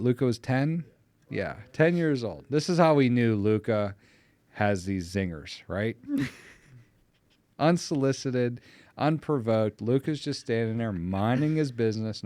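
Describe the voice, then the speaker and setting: A middle-aged man from the Pittsburgh area telling family stories in a casual chat, animated when amused. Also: medium pitch, dry recording. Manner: animated anecdote teller, voice jumps up when amused. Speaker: podcast guest.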